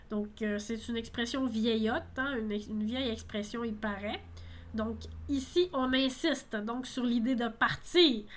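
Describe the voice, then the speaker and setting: Higher-voiced woman explaining lyrics. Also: a bit bright. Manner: explanatory, frequent tag "hein". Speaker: French teacher. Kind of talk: song lesson explaining lyrics.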